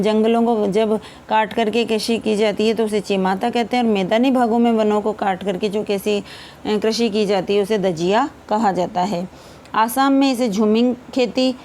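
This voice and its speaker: A woman teacher gives a fast revision lesson for an exam, calling her viewers friends and asking and answering her own questions. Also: medium pitch, mellow, a little hiss or hum.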